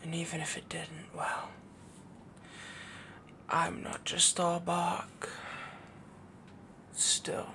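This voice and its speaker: A man acts out a possessive, lovestruck werewolf boyfriend for intimate roleplay audio, fully in character, murmuring slowly and evenly in a soft, breathy whisper that breaks into gravelly fry. His voice sits on the high side with a completely flat delivery, smug and possessive, dominant yet adoring, with clear noise behind him.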